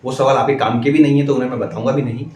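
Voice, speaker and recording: A male schoolteacher telling viewers a story in a measured, deliberate way, with steady pauses, addressing them as friends. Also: mid-range voice, echoey room, a little hiss or hum. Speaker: schoolteacher and channel host.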